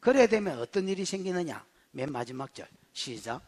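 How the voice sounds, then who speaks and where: A male pastor with a Gyeongsang Korean accent, preaching an expository sermon in a blunt, colloquial way that swings from shouting to whispering. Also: a little high, sing-song, fairly quick. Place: church sanctuary.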